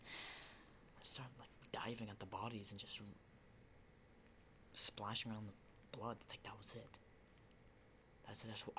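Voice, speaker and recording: A man with a lowish voice takes on the role of a shaken, battle-worn survivor of the zombie apocalypse for an ASMR piece. He speaks in a hushed, halting way, rambling and cursing, with slight background noise present.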